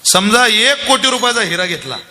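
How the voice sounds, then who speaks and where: A man's voice: sits high, normal speed. A man preaching a devotional kirtan sermon, telling a story and quizzing his audience. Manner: animated storyteller, acts out characters and questions the audience.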